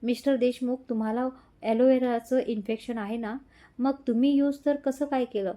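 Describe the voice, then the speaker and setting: A woman doing a brisk, professional doctor. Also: a little high, fairly even intonation, mellow, natural voice. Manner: firm, then careful.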